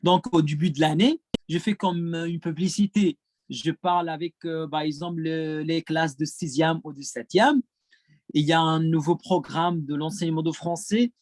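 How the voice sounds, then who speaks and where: Answering questions at a conference, a French teacher from Gaza speaks French with an Arabic accent, Arabic being his native tongue. He talks at a moderate pace in a high-leaning, darkish voice, hesitant and repetitive, recorded with no room sound.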